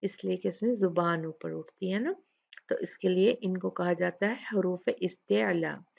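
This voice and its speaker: Slow, patient woman teaching Quranic recitation. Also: on the low side, creaky, a little mellow, muffled recording. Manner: patient, asks questions then answers them, draws out example words slowly. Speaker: Tajweed teacher. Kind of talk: slow explanatory lesson with recited examples.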